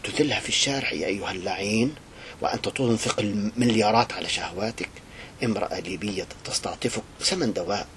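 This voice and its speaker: A male Islamic preacher gives an impassioned religious address. He swings between quiet lament and loud indignation. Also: on the low side, fast, slight background noise.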